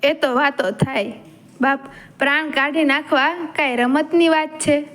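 A woman's voice: high voice, unhurried, a bit bright. A woman storyteller voicing a weary old man, the chief's uncle, who speaks in a resigned, pleading way.

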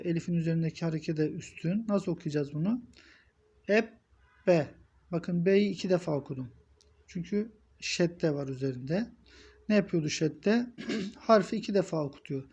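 A man teaching Quran reading in a step-by-step lesson, saying each syllable aloud and repeating it patiently, clearing his throat now and then. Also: on the high side, dark tone.

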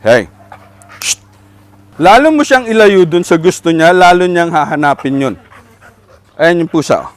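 A man with a Filipino accent, a dog trainer coaching an owner outdoors with calm, repeated short commands. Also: a little high, a little slow, long pauses, clear, resonant tone, no room sound.

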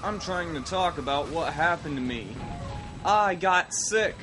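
Loud game music backs this let's play host, a young man from the Midwest with a matching American accent. Sick and coughing, he rambles casually about the game and pokes fun at himself, his fairly high voice lively in intonation and his pace a little slow.

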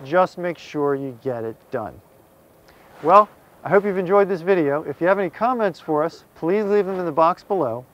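Speaking at normal speed with lively intonation, a middle-aged American man delivers a scripted how-to straight to camera, plainly and folksily, as a magazine contributing editor. He is outdoors on a small open boat on the water. His voice is a little high and fairly bright, though the audio sounds dull.

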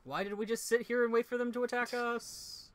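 A young man playing a video game with a friend, reacting loudly and chatting casually. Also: extremely high pitch, flat delivery, fairly quick, no echo. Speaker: let's play co-host. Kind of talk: casual gameplay chat.

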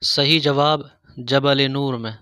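A man reading religious quiz questions, pausing over each option before he gives the answer. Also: mid-range voice, fairly even intonation, pushed and bright. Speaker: quiz host. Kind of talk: scripted quiz narration.

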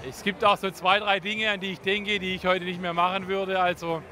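An older man answers as an interview guest in a busy tent. His voice sits high for a man, and there is clear noise behind it. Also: little pitch movement, moderate pace, pushed and bright. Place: busy festival beer tent. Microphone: handheld reporter microphone held to him.

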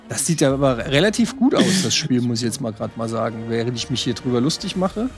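A man's voice: medium pitch, sing-song, brisk, soft background music. A man in his thirties chatting casually as a panelist, with a mocking, jokey way of exaggerating. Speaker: panelist on a games show. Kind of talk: casual chat and joking commentary. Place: studio living-room set, indoors.

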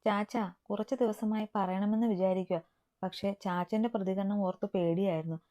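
A woman's voice: medium pitch, steady tone, normal speed, lightly acted. Woman reading as a timid tearful young sister. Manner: hesitant, soft-spoken. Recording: dull lo-fi recording.

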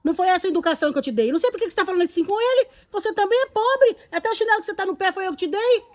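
A woman's voice: sits high, lively intonation, fast talker, no echo. A woman with a Brazilian accent playing a kind mother who scolds her spoiled daughter in an amateur skit. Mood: scolding. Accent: Brazilian Portuguese. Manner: gentle but scolding, teasing. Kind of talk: amateur comedy skit acting.

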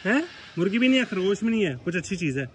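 Man, vlog host, fairly high voice, excitable and playful, chats to the animals. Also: rapid-fire, a crowd in the background. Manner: excited, laughing, talks to the animal. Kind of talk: casual pet vlog chat.

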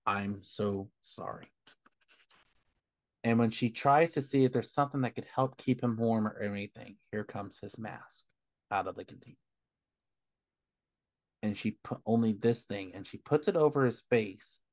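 A man's voice: normal speed, dry recording. A man hosting a book club podcast, casually retelling a comic issue and reading passages aloud with the odd filler. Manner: retells scenes plainly, quotes dialogue in a low subdued tone.

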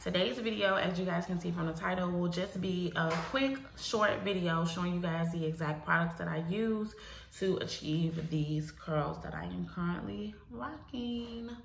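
A nasal, stuffed-up young woman with a head cold talks casually to camera as a hair vlogger, speaking directly to viewers in an informal, emphatic way. Her fairly low voice is gravelly and moves at a moderate pace. There is slight background noise, and the small indoor home room gives the sound a roomy echo.

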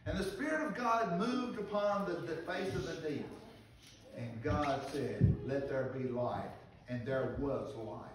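An older man preaches from a pulpit, unhurried and earnest, pausing and restarting as he reads scripture. His voice sits a little high. He sounds far from the mic, and the church echoes heavily around him. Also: a little hiss or hum. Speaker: pastor. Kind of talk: sermon with scripture reading. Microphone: far camera in the pews.

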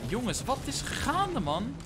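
A young man, live-streaming a game, excitable and slangy, shouting when hyped. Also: very high-pitched, takes it slowly, background noise. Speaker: gaming streamer.

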